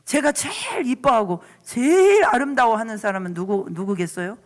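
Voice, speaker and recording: A woman's voice: a little high, animated, moderate pace. A woman evangelist preaching a church sermon in an impassioned, emotive way, moving between fervent pleading and conversational asides. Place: church service.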